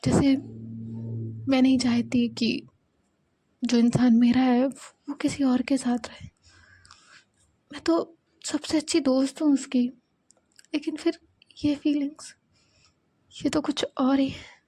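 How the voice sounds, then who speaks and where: A woman voicing a young woman confused by hidden feelings, in a soft, troubled way. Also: high-pitched, fairly even intonation, slow, long pauses, slightly rough, no room sound, full character voice.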